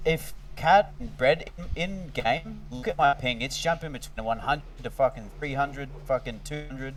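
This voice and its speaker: A man's voice: mid-range voice, moderate pace, distant mic, faint music behind. A man in casual gaming voice chat, his voice coming through distorted and glitchy from lag, frustrated and swearing often. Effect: distorted, glitchy voice-chat audio from lag. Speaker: online game player.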